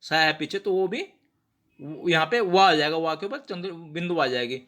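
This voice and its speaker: A man giving a patient pronunciation lesson, sounding out words slowly and checking in with rhetorical questions. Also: fairly high pitch, a bit bright. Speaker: teacher of prayer pronunciation. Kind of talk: explanatory lesson.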